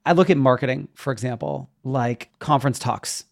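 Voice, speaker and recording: Recorded in studio quality with no room sound, a middle-aged man speaks at normal speed in a creaky, medium-pitched voice. He's a web developer and educator on a podcast as a guest, reflecting casually and explaining things informally.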